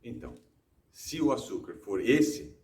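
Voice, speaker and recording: A man's voice: medium pitch, animated, a little mellow. Brazilian guy teaching english from home, explains stuff with questions, kinda far from the mic, echoey room. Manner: explanatory, rhetorical questions, slows to stress examples. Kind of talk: casual video lesson.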